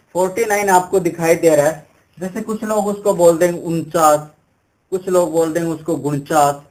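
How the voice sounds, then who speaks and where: A man with a somewhat high-pitched voice delivers a classroom lecture for exam prep. He explains patiently and repetitively, often posing a question and then answering it. His tone is that of a young instructor talking through notes. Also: rough recording. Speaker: teacher.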